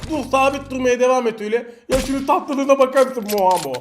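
High-voiced excitable Turkish gamer man. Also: quick pace, a little hiss or hum. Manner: excitable, taunting opponents, shouting bursts. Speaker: mobile game streamer. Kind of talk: live gameplay commentary.

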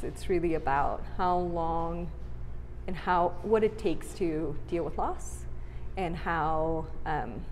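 A woman in her thirties, born in Bulgaria, speaking thoughtfully about her artwork in an interview, often pausing with fillers. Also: lowish voice, a little mellow. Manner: thoughtful, reflective, with frequent fillers. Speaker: artist. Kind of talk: gallery interview. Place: large art gallery indoors. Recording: reverberant gallery, faint hum.

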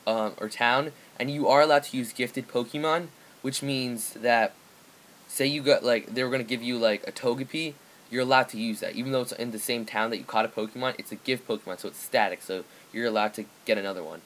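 A man's voice: medium pitch, brisk, fairly bright tone, low-quality recording. A teenage boy co-hosting a let's play, rambling and correcting himself with frequent ums. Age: teens. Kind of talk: casual gameplay commentary.

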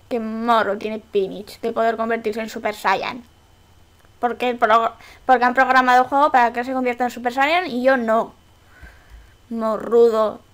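A woman from Spain with a Spanish accent, giving excitable, exclamatory Let's Play commentary and swearing casually. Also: fairly high pitch. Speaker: gaming YouTuber.

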